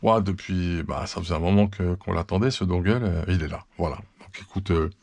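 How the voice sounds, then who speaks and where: A man's voice: low voice, brisk, vocal fry, a little mellow, dry recording. A man hosting a hobby channel, chatting through an unboxing, thankful and full of fillers and restarts. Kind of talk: casual unboxing chat.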